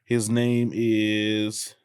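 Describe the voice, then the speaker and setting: A man co-hosting a podcast, easygoing in casual chat and quick to agree. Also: lowish voice, monotone, a little mellow, smooth, dry recording, clean studio sound. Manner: easygoing, lots of agreeing fillers. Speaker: podcast co-host.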